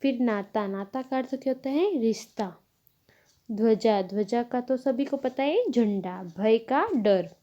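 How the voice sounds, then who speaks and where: A woman teacher explaining a lesson to young pupils, slow and patient. Her voice sits a little high but sounds soft and mellow. She explains step by step and corrects herself along the way. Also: dull audio. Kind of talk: Hindi grammar lesson.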